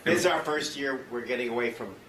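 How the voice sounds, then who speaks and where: A man's voice: medium pitch, quick pace, a bit bright. Audience man giving a plain reply, far from the mic in a noisy room. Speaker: club member in audience. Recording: distant and echoey with noise.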